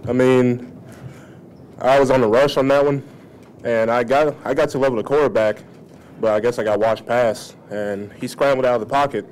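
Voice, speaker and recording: A man's voice: mid-range voice, fairly even intonation, normal speed, darkish tone, slight background noise, poor audio. A young man, a college football player, casually recounting plays at a postgame press conference into a table mic. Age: young adult.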